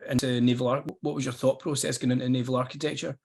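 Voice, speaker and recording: Brisk male podcast host. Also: medium pitch, level tone, vocal fry, husky. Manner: encouraging, quick interjections. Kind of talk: interview questions.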